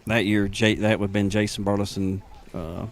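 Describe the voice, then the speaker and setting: A middle-aged man with a Tennessee accent doing casual, folksy play-by-play for a high school softball game. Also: little pitch movement, normal speed. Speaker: play-by-play announcer. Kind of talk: local radio sports commentary.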